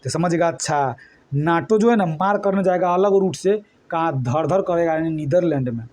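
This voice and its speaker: A man, teaching an exam coaching lesson. He talks loosely and repeats himself, firing quick questions at his students and answering them himself. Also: a little high, a little mellow. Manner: colloquial, repetitive, quizzing the students. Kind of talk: mnemonic lesson for exam prep.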